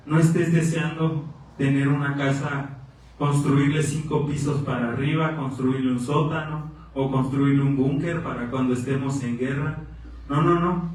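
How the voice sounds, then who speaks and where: A male pastor, preaching a sermon in an earnest, exhorting way and repeating phrases for emphasis. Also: on the high side. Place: church sanctuary. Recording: very echoey church from far off.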